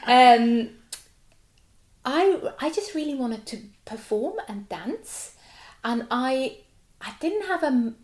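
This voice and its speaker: Her voice is high-pitched with lively intonation, a slow pace, frequent pauses, and a darkish tone, heard in a roomy space. She is a Swiss contemporary dancer in her forties, a native German speaker, chatting animatedly in a casual interview full of laughter and "like" fillers.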